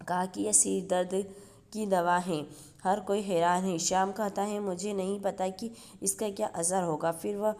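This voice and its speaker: Flat, mellow-voiced woman recapping. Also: mid-range voice. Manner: steady read-through, reads quoted dialogue in her own voice. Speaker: YouTube channel host. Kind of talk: reading a TV serial episode recap.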